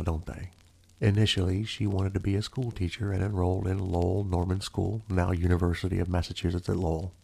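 A man hosts a true crime podcast as an ASMR narrator. His voice is very low and gravelly, with a dark, mellow tone. He phrases things like a formal, theatrical storyteller. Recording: faint music behind the voice. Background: faint music.

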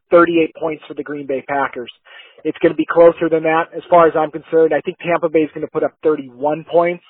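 A man's voice: a little high, husky, no room sound. Fired-up man on a tinny line. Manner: fired-up, emphatic predictions. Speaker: podcast co-host. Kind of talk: sports podcast chat.

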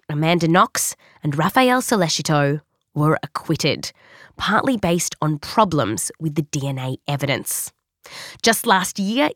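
A woman's voice: low-pitched, dry recording, studio quality. A woman with an Australian accent narrating a scripted science documentary in a conversational storytelling way, leaning on key words. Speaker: host and narrator.

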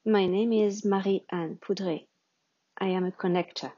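Slow, husky woman reciting poetry. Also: mid-range voice, fairly even intonation, mellow, dry recording. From France. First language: French. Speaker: poet. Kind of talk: poetry reading with introduction. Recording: dull lo-fi recording.

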